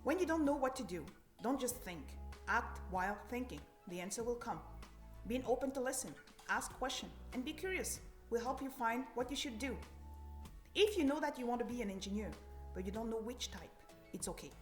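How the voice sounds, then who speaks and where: Woman, 30s, from Cameroon, fairly high voice, encouraging scripted talk, echoey room. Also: lively intonation, a little fast. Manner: earnest, encouraging. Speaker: civil engineer. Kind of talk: scripted career talk to students. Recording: echoey room, faint music behind.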